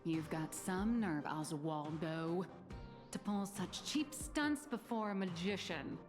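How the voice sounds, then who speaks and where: A woman's voice: on the low side, expressive, slow, music in the background. An actress playing a shrewd, confident businesswoman in a game, calculating and dry.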